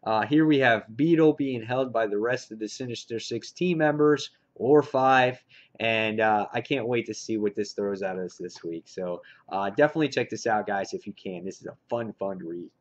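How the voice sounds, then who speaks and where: Talking straight to his viewers, an eager comic book fan runs an unscripted, casual review vlog on his channel. He has a lowish voice at a moderate pace, captured in a dull, lo-fi home recording.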